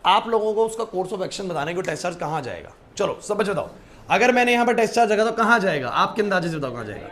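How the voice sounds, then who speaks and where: A man with a high, expressive, fairly bright voice speaks quickly as he teaches physics in a whiteboard classroom. His lecture is in Hindi with English terms mixed in, and he often pauses to ask whether his students are following.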